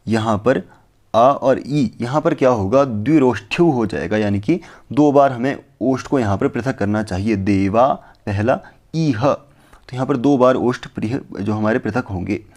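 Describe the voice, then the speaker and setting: A man teaching a lesson, explaining points step by step and asking himself questions before answering. He recites verses slowly and carefully. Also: medium pitch, a little mellow. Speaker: Sanskrit teacher. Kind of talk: explanatory lecture on phonetics.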